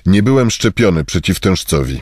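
A man with a very low, husky voice reads short phrases one after another. His pitch moves a lot, and the recording is close and dry. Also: no room sound. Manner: measured, even delivery of short phrases. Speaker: Polish phrase reader. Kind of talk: scripted phrase reading.

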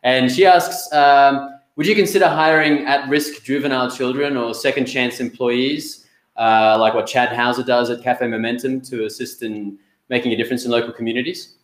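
A man's voice: mid-range voice, fairly even intonation, normal speed. A young man hosts an online interview, friendly and upbeat as he passes along audience questions. His voice comes through a webcam mic in a noticeably echoey room, with a few restarts as he goes. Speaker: host. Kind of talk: business video interview. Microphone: webcam on a video call. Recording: echoey room on a video call.

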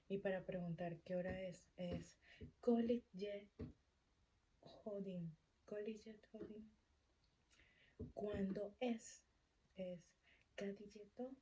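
A woman with a soft, mellow voice leads a casual vocabulary lesson. She speaks at an unhurried pace and says each new word two or three times. A faint hiss sits under her voice. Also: mid-range voice, rough recording. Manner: slow, careful repetition of foreign words. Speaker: language learner sharing vocabulary.

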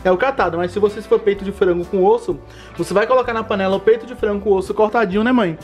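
A young man with a Bahian Brazilian accent talks very quickly to his viewers. He is chatty and casual, like a cooking vlog host, with light music in the background. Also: high-pitched, fairly even intonation, a little mellow. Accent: Bahian Brazilian Portuguese. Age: young adult. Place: home kitchen, indoors.

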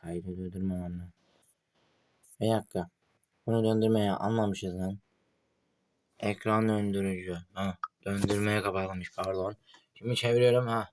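A man casually narrating his own horror game play, excitable and jumpy, muttering and swearing at what happens on screen, recorded on a phone. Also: on the low side, moderate pace, pauses often, poor audio. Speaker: gaming channel host. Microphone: phone mic. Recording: loud background noise with clicks.

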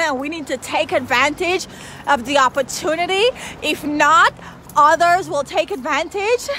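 Chatty woman in her forties, high voice, vlogging live on her phone on a street with faint traffic behind. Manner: excited, chatty, lively. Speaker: financial advisor. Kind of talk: live-stream vlog. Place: city street outdoors. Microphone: phone at arm's length. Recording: faint traffic noise outdoors.

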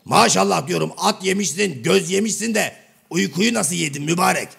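A man voicing Karagöz, a blunt, half-deaf middle-aged male shadow-play figure who keeps mishearing and twisting his partner's words, with a gravelly, raspy voice. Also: high-pitched, normal speed, a bit bright, exaggerated voice. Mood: mock-innocent. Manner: mishears everything and answers with cheeky misunderstandings. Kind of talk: comic shadow-play sketch.

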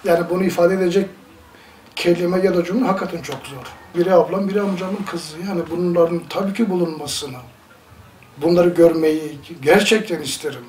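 High-voiced man in an echoey room. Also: fairly even intonation, brisk, darkish tone, slight background noise. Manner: thoughtful, searching for words. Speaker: interviewee, relative of missing girls. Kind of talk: documentary interview. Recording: echoey room, mic at a distance.

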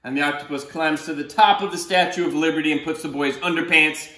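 Quick-paced, with a fairly high, steady, sharp tone, a middle-aged children's author reads a picture book aloud expressively and explains things in asides. He's indoors on a sofa in a small living room, and the recording has a roomy living-room echo.

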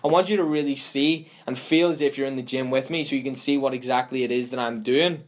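A young man, narrating his fitness vlog in a relaxed, chatty way and swearing casually, recorded on a camera mic. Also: mid-range voice, quick pace. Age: young adult. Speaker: fitness vlogger. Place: gym, parked car, home kitchen.

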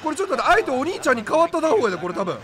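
A young man with a Kansai accent commentating his own gameplay, loud and excitable, breaking into rapid repeated exclamations. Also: very high-pitched. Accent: Kansai Japanese. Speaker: game YouTuber. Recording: game music behind the voice.

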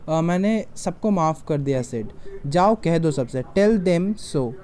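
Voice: mid-range voice, expressive, takes it slowly, darkish tone. A teacher reading as a whining boy faking pain. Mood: whiny. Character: boy in bed faking a toothache.

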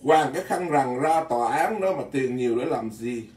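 A man's voice: mid-range voice, expressive, moderate pace, a little mellow. A Buddhist monk gives a blunt, folksy dharma talk, often repeating words as he goes. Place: temple hall in Virginia. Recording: echoey hall, mic at a distance.

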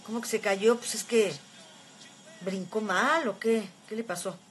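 With faint music in the background, a Mexican livestream host in her fifties talks a little slowly in a steady, mid-range voice. She reads her viewers' comments and chats with them affectionately, using plenty of filler words.

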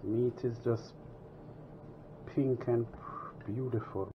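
A man's voice: mid-range voice, slow pace. A man hosting a home cooking tutorial in his kitchen, talking casually as he works. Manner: relaxed, chatty, talks while working. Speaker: home cooking show host. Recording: dull lo-fi sound with kitchen noise.

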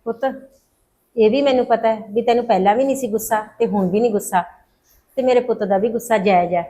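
A woman playing a quick, apologetic mother-in-law, Punjabi accent, slightly high. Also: mellow, a little hiss or hum, lightly acted. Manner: apologetic, pleading. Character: remorseful mother-in-law, middle-aged woman. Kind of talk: Punjabi short film acting.

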